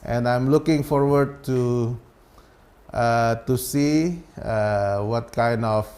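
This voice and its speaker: A man speaking through a face mask, giving a semi-formal welcome speech as an ambassador, halting with pauses mid-phrase. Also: medium pitch, a little mellow. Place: small crowded indoor room.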